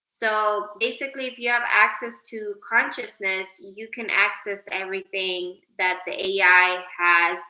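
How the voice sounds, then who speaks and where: A Swedish woman hosts a casual livestream, greeting viewers by name, reading their comments aloud, and chatting her way into spiritual musings about consciousness. Her medium-pitched voice is steady, sharp and unhurried, with hardly any pauses. The recording is rough and sounds roomy.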